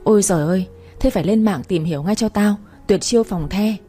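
A woman's voice: medium pitch, fairly quick, mellow, slightly rough, soft background music, lightly acted. A woman doing a brash young woman friend. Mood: bossy teasing. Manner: crude, bossy and teasing.

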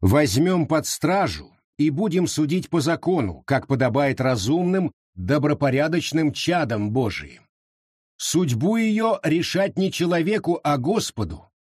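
A man voicing a troubled village pastor who speaks gravely and reluctantly. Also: fairly high pitch, sing-song, measured pace, darkish tone, no room sound, studio quality, pitched above the performer's own voice, heavily acted.

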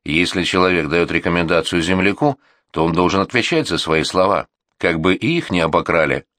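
A man's voice: low-pitched, animated, a little fast, a bit bright, dry recording, studio quality. A male audiobook reader voicing a proud, fussy householder explaining in a self-satisfied way.

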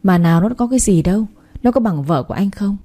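A woman's voice: mid-range voice, animated, fairly quick, dark tone, close to an everyday voice. Woman reading as a stern old father-in-law. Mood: scolding. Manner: harsh, scolding. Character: stern angry older father-in-law, company boss.

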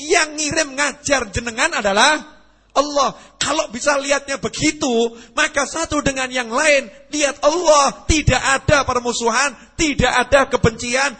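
A man giving a conversational sermon, swinging between loud emphatic lines and hushed ones. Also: very high voice, a little slow. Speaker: preacher.

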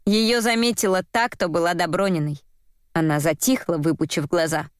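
A woman narrating a crime novel as an audiobook in a measured manner. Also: fairly low pitch, clear, resonant tone, no room sound, clean studio sound. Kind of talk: scripted narration.

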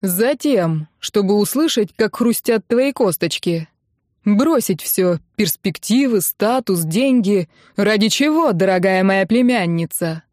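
A woman's voice: medium pitch, expressive, a little mellow, no echo, studio quality, lightly acted. A woman voicing a theatrical middle-aged uncle who speaks with exaggerated, mock-tragic sarcasm. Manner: dramatic, drawn-out sarcasm.

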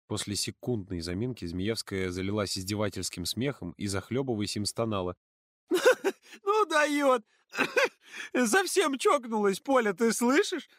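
A man narrating an audiobook in an expressive, dramatic reading style. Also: no room sound, clean studio sound. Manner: dramatic, with wide swings of pitch.

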